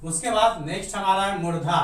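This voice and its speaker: A high-pitched man, speaking a little fast with a slightly bright tone, gives a grammar lecture, explaining step by step and answering his own questions. The mic sits far off in a very echoey room.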